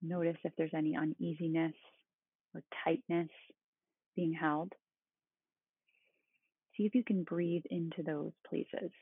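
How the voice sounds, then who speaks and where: A meditation guide speaking in a calm, meditative tone with a husky, creaky voice. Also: medium pitch, unhurried, long pauses. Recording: roomy, phone-like thin sound.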